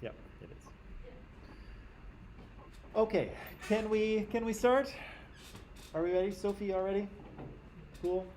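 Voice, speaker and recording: A man's voice: high-pitched, measured pace, pauses often, darkish tone, slight background noise. A man teaching a history class in a classroom, talking conversationally and often checking in with "right?".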